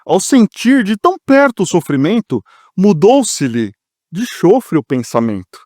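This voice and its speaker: Man reciting poetry in a high lively voice. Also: no room sound, studio quality. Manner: emotive, declamatory recitation. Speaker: poetry reader at a spiritist meeting.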